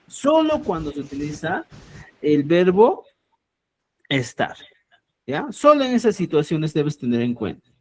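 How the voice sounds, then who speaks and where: Male language teacher, high animated voice, slow and deliberate delivery, checks understanding often. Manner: explains slowly, checks in with a frequent "¿ya?"; addresses listeners as "estimados amigos". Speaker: Quechua teacher. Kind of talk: online grammar lesson.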